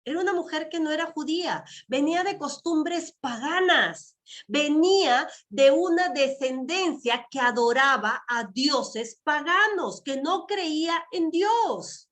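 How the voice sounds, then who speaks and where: A woman's voice: high voice, animated, slow pace, a bit bright. A woman preaching a sermon over a video call with earphones, repeating her phrases, asking the congregation questions and saying amen between points. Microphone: wearing earphones with a mic.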